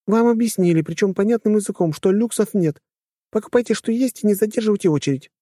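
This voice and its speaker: A man voicing a haughty, scornful aristocrat's female companion in an audiobook, with a nasal, shrill voice. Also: fast talker, dark tone, no echo, clean studio sound. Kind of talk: audiobook character voice.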